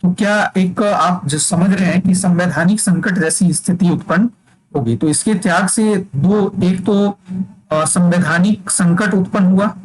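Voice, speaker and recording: A man's voice: high-pitched, unhurried, breathy edge, poor audio. A male teacher giving an exam-prep lecture, dictating points for students to write down and checking that they follow.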